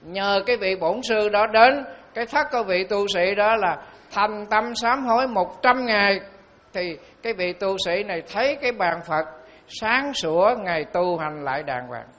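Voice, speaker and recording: Monk telling stories. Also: male voice, high voice, lively intonation, a bit bright. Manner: storytelling, slow and emphatic on key phrases. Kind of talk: sermon.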